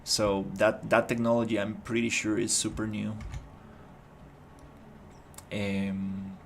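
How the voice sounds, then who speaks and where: A man with a low, creaky voice speaks slowly and in a level tone, with slight background noise. He's an indie game developer from Costa Rica, casually narrating his work on a livestream and rambling, often restarting as he thinks aloud.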